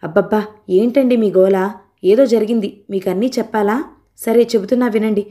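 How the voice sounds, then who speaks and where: A woman doing a brisk impatient mother. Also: medium pitch, fairly even intonation, close to an everyday voice. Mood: irritated. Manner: sharp, impatient.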